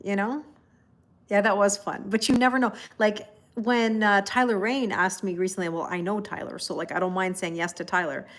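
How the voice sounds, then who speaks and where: A Canadian tarot reader hosts a livestream, chatting casually with viewers in loose, easygoing asides. She laughs often and reads out comments, greeting people by name. Her mid-range voice is steady and moves at a normal speed.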